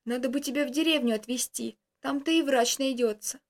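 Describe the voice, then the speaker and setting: A woman voicing a kindly old village grandmother with a hoarse voice, fussing and soothing. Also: high voice, brisk.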